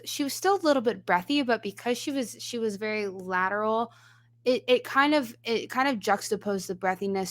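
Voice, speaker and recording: A woman's voice: medium pitch, slight background noise. A woman voice teacher giving analytical reaction commentary, explaining singing technique step by step.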